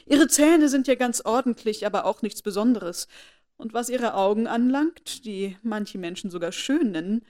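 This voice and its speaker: A woman's voice: fairly high pitch, moderate pace, darkish tone, close to an everyday voice. Woman voicing jealous society lady, snide, needling, storybook reading. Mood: disdainful.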